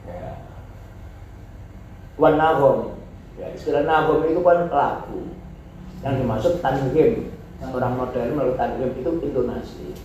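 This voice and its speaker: A male teacher from Indonesia, giving a classroom lecture: he reads Arabic text aloud, then explains it in relaxed Indonesian with many repetitions. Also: medium pitch, a little slow, long pauses. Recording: echoey hall, distant and dull mic, faint noise.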